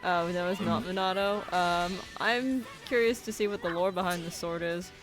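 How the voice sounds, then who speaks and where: A woman's voice: lowish voice, fairly even intonation, moderate pace. Laid-back woman streamer chatting over a game. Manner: laughing, playful, hums and sings along. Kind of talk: casual gameplay chat. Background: faint game music.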